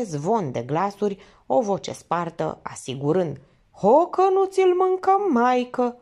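Lower-voiced woman audiobook narrator. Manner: steady, measured reading. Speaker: audiobook reader.

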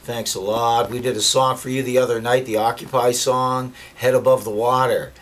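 A man in his fifties, born in the Netherlands, chatting as a musician guest in a rambling, animated way that repeats phrases. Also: medium pitch, normal speed. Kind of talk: casual interview chat. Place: basement utility room. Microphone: camera mic from a few feet away. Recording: distant camera mic, faint room hiss.

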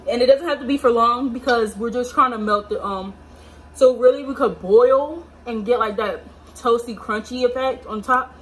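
Her voice runs a little high and a bit bright, at a normal speed, as this young American woman hosts a home cooking vlog, joking around with viewers in casual slang. The setting is a small indoor home kitchen, captured by a phone or camera propped at a distance, with a distant sound and noisy surroundings.

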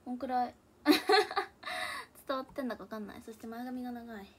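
A young woman with a mixed Hakata and Kansai dialect chats casually into a tablet in her room at home. Her voice sits a touch high, and she keeps slipping into quiet murmured asides to herself. A faint hiss runs under her voice. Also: big pitch swings, moderate pace. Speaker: idol livestreamer. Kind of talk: casual livestream chat. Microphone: tablet or phone device.

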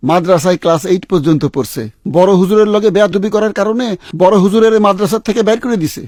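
Male actor as a haggling fixer, quick and high-voiced, over music. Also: a little mellow, no room sound, studio quality, natural voice. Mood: insistent. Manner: blunt, haggling, stubborn about money. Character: pushy money-minded male funeral fixer. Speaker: hired mourner and fake cleric contractor.

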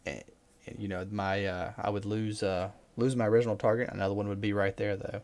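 A man casually commenting over his fishing footage, relaxed and rambling with excited bursts. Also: lowish voice, brisk. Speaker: fishing vlogger.

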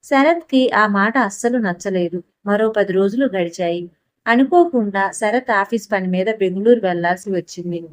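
A woman's voice: mid-range voice, moderate pace, no echo. Woman reading an audiobook story. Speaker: audiobook narrator. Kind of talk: scripted story narration.

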